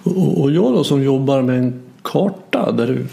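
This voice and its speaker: A man with a very gravelly, mellow voice explains his ideas calmly in a reflective conversation. He speaks steadily and clearly. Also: medium pitch.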